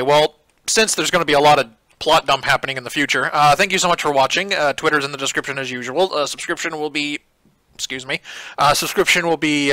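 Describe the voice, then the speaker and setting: A man's voice: mid-range voice, pushed and bright, no room sound. A man giving casual, rambling let's play commentary as a gaming YouTuber, laughing at the game. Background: game music.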